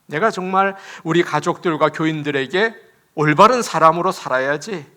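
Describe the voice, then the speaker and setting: A man, a pastor, preaching an animated sermon in a church, laughing as he talks and acting out quotes. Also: on the high side, normal speed.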